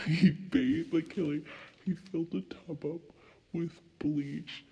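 A young man co-hosts a casual late-night podcast, telling rambling, animated stories packed with swearing. His voice is a little high, creaky, and slightly rough, and he speaks slowly. The recording is low quality.

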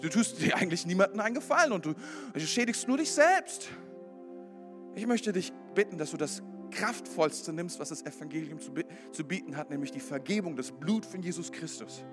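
A man preaching a sermon to a congregation, swinging from loud exclamations to quiet, earnest appeals. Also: on the high side, lively intonation, normal speed. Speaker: pastor. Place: church hall before a congregation. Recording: with background music.

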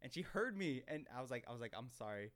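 At his desk mic, a young man hosting his own podcast rambles through an embarrassing story, self-conscious and full of fillers and restarts. His mid-range voice is fairly bright, with lively intonation and a quick pace.

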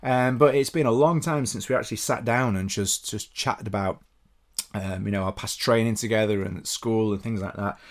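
A lowish-voiced man with a Yorkshire accent hosts his podcast, talking casually and at length. He fills his sentences with little hesitations and laughs easily. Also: moderate pace. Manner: chatty, laughs easily, many fillers. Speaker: podcast host. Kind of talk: casual interview chat and solo wrap-up.

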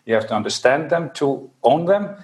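Man from Iceland speaking in measured tones. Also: a little high, expressive, darkish tone. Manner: measured, with pauses and restarts. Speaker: podcast guest, energy branding expert. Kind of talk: conversational interview answers.

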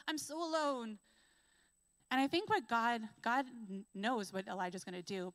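A woman preaching a sermon in a conversational, earnest way, full of casual fillers, who slows down and builds emphasis when she reads scripture. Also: on the high side, no echo, poor audio. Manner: reads scripture aloud with slow, rising emphasis. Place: church.

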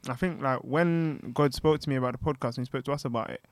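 A man's voice: mid-range voice, quick pace, no room sound. A young man with a London accent, chatting casually as a podcast co-host. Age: young adult. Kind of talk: casual chat.

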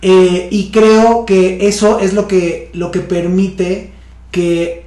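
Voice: medium pitch, little pitch movement, takes it slowly, dark tone. Reflective Mexican podcast host, echoey. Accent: Mexican Spanish. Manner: reflective, thinks aloud with many restarts and fillers. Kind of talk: casual interview conversation. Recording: echoey room sound.

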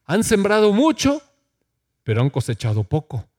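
A man's voice: sits high, huge pitch swings, normal speed, a little mellow. A middle-aged man preaching a sermon in a church, reading scripture aloud and asking the congregation questions. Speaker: pastor.

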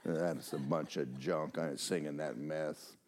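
Preaching in a bass voice and a little slowly, an older male pastor shares personal anecdotes. His folksy, lively telling is full of false starts and quotes he performs aloud.

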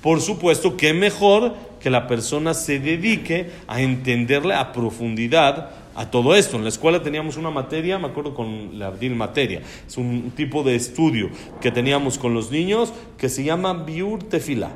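A man's voice: fairly high pitch, expressive, normal speed, few pauses. A man teaching a religious lesson on prayer, posing questions and answering them himself. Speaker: Torah teacher.

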